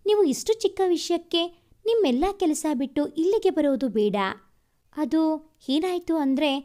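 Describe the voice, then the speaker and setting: A woman's voice: high-pitched, animated, moderate pace, dark tone. A woman voicing a shy, timid young college student who hesitates and frets in a spoken storybook. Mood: shy, fearful.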